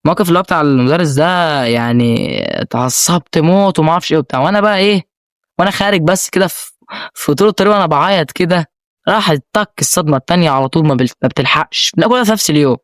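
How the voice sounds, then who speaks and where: A man's voice: fairly high pitch, no echo, clean studio sound. A young man with an Egyptian accent, telling an emotional personal story as a vlogger, rambling with many restarts. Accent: Egyptian Arabic.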